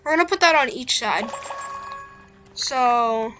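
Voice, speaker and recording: High-voiced playful girl streamer. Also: expressive, slow, pushed and bright, faint music behind. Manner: playful, makes silly "bop bop" noises while playing. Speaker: game streamer. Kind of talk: casual live-stream chatter. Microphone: built-in device mic, no headset mic.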